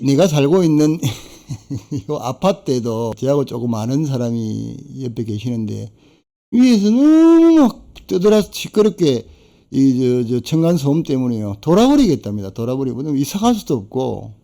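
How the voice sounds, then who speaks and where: Middle-aged man, very dark mellow voice, folksy live-stream consultant who chats and chuckles. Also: mid-range voice, gravelly. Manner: chatty, folksy, laughs between points. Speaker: fishing boat broker and fishing-village consultant. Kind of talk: casual live-stream talk.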